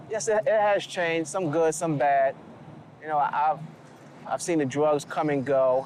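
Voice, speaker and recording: Slightly high-voiced man, chatty. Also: darkish tone, a little hiss or hum. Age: 30s. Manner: conversational, with many "you know"s. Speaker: interviewee, local resident. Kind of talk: documentary interview.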